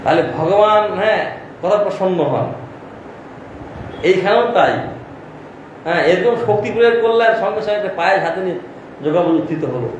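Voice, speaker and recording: A man's voice: sits high, fairly quick, long pauses, muffled recording. A man, a monk preacher, giving a devotional storytelling sermon. He asks rhetorical questions and answers them himself, with many affirming fillers. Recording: echoey distant mic with faint noise.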